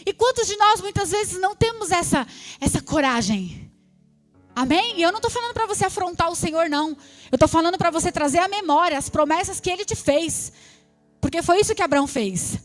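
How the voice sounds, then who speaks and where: A woman's voice: very high voice, expressive, brisk, faint music behind. A woman preacher delivering a sermon, stretching out her lines for emphasis and often asking the congregation "amém?".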